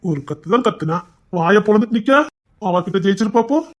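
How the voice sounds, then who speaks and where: A woman's voice: medium pitch, animated, fairly quick, darkish tone, natural voice. A woman acting a boastful, swaggering member of a rowdy family in a skit. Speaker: actor in a comedy skit.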